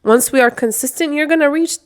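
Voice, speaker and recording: A young woman whose first language is Arabic co-hosts a podcast in casual chat, her high-pitched voice running a little fast. She's chatty and enthusiastic, full of fillers and restarts.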